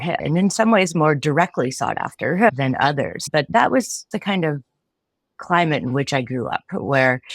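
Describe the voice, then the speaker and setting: Low-voiced woman in her forties, podcast guest: reflective, unhurried answers, dry close mic. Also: no room sound. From Connecticut. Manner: thoughtful, frequent restarts and light laughs. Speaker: philosophy professor, podcast guest. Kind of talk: casual interview answers.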